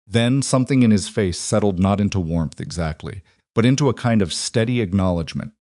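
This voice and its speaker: Guy narrating a western, real deep voice, dry close sound. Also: dry recording. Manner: measured, even storytelling. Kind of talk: scripted audiobook narration.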